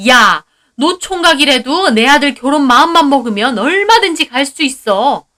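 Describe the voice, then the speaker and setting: Woman doing a shrill scolding mother-in-law. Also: animated, moderate pace, pushed and bright. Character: sharp-tongued older mother-in-law, domineering and quick to anger.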